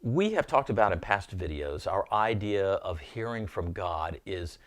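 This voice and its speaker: Lively low-voiced man teaching faith. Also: measured pace. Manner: earnest, repeats words while thinking aloud. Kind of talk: informal teaching to camera.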